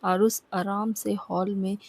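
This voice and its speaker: A woman narrating a romantic story, acting out the dialogue in a lively way. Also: medium pitch, slow, vocal fry, dry recording. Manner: lively, acts out characters' lines.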